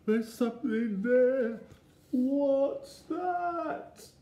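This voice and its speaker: Man voicing a small scared boy, squeaky, anxious, loud, storybook, echoey room. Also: big pitch swings, takes it slowly, a little hiss or hum. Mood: frightened. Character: tiny frightened little boy. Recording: roomy echo.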